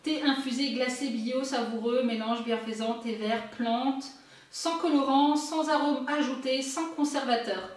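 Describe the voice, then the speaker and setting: A cheerful woman chats through an unboxing and reads the product labels aloud. Her voice is high, and the mic sits some way off in a very echoey room. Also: a little slow, recorded from a distance. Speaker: unboxing vlogger. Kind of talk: casual unboxing chat.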